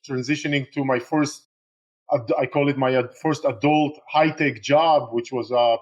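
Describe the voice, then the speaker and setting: Israeli-born man, halting, lo-fi. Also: mid-range voice. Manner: halting, many fillers and restarts. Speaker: guest, real estate investor. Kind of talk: casual interview talk.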